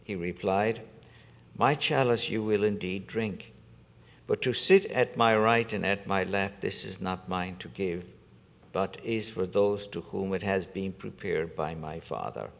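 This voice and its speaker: A very low-voiced man leads the service as a priest, reading scripture and preaching at a steady, deliberate pace. His words ring out in a cathedral echo, with a long reverb trailing behind each phrase in a large church. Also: gravelly. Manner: measured, deliberate liturgical delivery. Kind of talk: gospel reading and homily.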